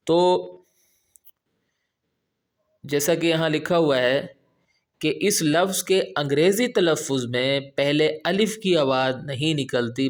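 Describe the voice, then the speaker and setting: Man teaching in a slightly high voice. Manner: patient, repeats key points and checks with "right?". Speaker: Urdu teacher. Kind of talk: explanatory language lesson.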